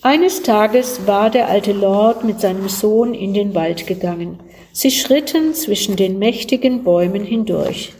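A woman calmly reading a devotional Christmas story aloud, slow and gentle. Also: mid-range voice, slight background noise.

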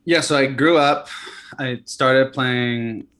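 Taking his time in a medium-pitched voice, a man in his early thirties who founded a company talks through an interview. He's from California and Hawaii, and his relaxed, hesitant speech is dotted with fillers and restarts.

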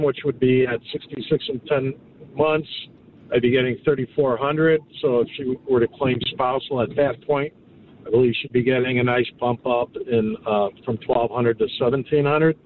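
A man's voice: mid-range voice, fairly even intonation. Man in his sixties calling in over the phone. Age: 60s. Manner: careful, halting, works through figures. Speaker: caller. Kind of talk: call-in radio question. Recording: tinny phone line with faint noise.

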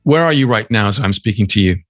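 A man hosting an interview, asking long questions in a measured way. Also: on the low side, animated, a bit bright, no room sound, clean studio sound, faint music behind. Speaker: podcast host.

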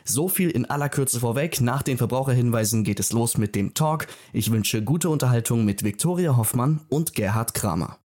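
Male presenter for a scripted podcast opening, average-pitched voice. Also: expressive, moderate pace, few pauses, darkish tone. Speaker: podcast host.

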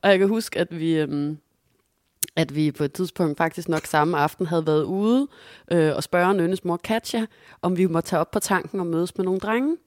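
A woman's voice: lowish voice, dry recording, studio quality. A young woman co-hosting a podcast, telling a story in a casual chat and acting out the quotes. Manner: animated storytelling, acts out quotes. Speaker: podcast co-host.

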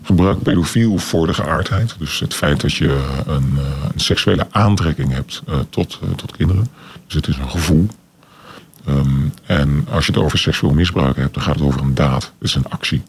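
Deep pitch-shifted, disguised man's voice. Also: a little hiss or hum. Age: 40s. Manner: hesitant, many filler sounds, slow and deliberate. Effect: voice disguised with a deep pitch-shift distortion. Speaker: anonymous interviewee. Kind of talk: radio interview.

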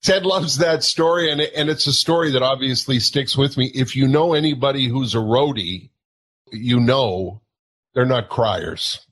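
A man's voice: medium pitch, normal speed, fairly bright tone, a little hiss or hum. A middle-aged man telling a self-mocking anecdote as a guest, laughing often. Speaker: guest telling a touring story. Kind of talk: anecdotal storytelling.

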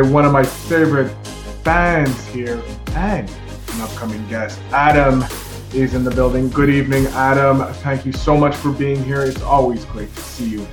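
A man hosting a casual live-streamed podcast, addressing listeners like a ringmaster with showy announcements. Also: medium pitch. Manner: ringmaster-like showman greetings, drawn-out announcing. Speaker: podcast host. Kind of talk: live-streamed solo show, casual chat. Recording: roomy, dull lo-fi sound.

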